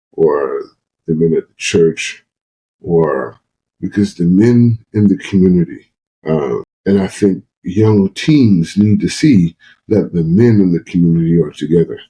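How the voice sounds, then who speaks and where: A man's voice: low voice, warm tone, breathy edge, low-quality recording. A man talking earnestly as a guest on a podcast conversation, sometimes acting out quoted voices. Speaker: guest psychologist.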